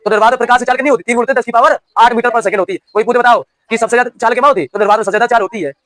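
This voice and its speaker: A man's voice: very high voice, racing, a bit bright, dry recording. A man teaching a class, dictating notes phrase by phrase with repetition and checking that students follow. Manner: dictating, repeats each phrase for note-taking; checks understanding with repeated questions. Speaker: physics teacher for railway exam prep.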